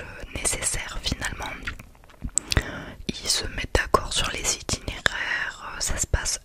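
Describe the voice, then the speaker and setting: In a soft, unvoiced whisper throughout, a woman reviews books for ASMR, hushed as if in a library. Her delivery is halting and reflective.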